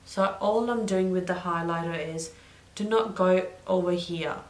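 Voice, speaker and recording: A woman's voice: lowish voice, measured pace. A young woman chatting through a makeup tutorial, drifting into side stories and correcting herself as she goes. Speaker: beauty vlogger. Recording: roomy echo.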